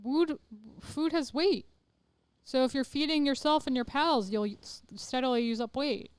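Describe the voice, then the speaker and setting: A woman's voice: high-pitched, unhurried, clear, resonant tone, no room sound. A woman streaming a game and chatting casually, playfully teasing her co-player. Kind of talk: casual gaming chat.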